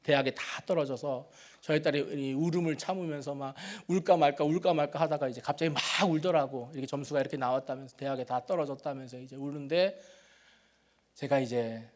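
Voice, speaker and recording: In a church sanctuary, a middle-aged pastor weaves stories about his family into his sermon, talking in a conversational, self-mocking way. His medium-pitched voice goes fairly quickly, building to loud, emphatic peaks and then dropping to quiet, intimate asides.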